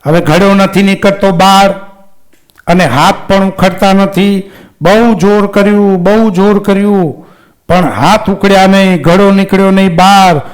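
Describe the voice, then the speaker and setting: A male preacher tells a devotional folk tale in a lively way, slipping into each character's voice as the story goes. His voice sits high for a man. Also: measured pace. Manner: lively narration, acting out characters. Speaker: katha storyteller.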